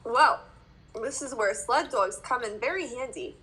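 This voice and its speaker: A woman with a New York accent playing a card game aloud, giggly and playful, thinking out loud with a lot of hesitation. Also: a little high, lively intonation, unhurried, low-quality recording. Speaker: player.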